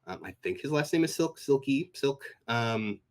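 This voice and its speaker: A man's voice: medium pitch, animated, moderate pace. A man from Washington State with an American accent, telling stories as a guest in a casual interview, full of fillers and restarts. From Washington State, USA. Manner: rambling, filler-heavy, acts out quoted speech. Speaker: sound designer guest.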